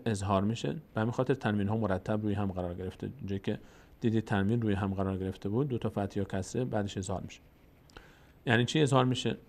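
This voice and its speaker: A man teaching the rules of Quran recitation, explaining in plain speech and then reciting verses slowly and drawn out. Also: on the low side.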